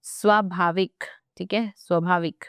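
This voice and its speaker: A young woman teaching grammar for exam prep, chatty and playful as she talks to her students. Her voice sits a little low and smooth, recorded close in a dry room. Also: fairly even intonation, measured pace, fairly bright tone, no echo.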